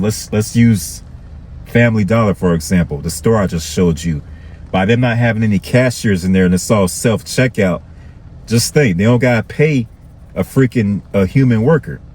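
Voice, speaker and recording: Deep-voiced man ranting to viewers. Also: a little mellow, a little hiss or hum. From Florida. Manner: conversational, repetitive, addresses viewers with "okay". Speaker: vlogger. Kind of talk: casual commentary to viewers.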